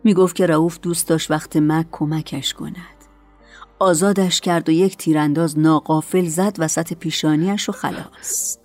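A woman with a low voice narrates a radio drama in a calm, measured way. Faint music plays beneath her reading. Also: dry recording. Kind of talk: scripted story narration.

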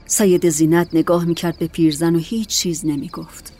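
A woman narrating a story in a calm, measured audiobook reading. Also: on the low side, soft background music.

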